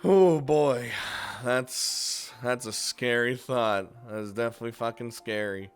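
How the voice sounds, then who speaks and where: Hosting a top five list on his gaming channel, a man gives informal commentary, chuckling and cursing freely. His medium-pitched voice is clean and measured, with faint music in the background.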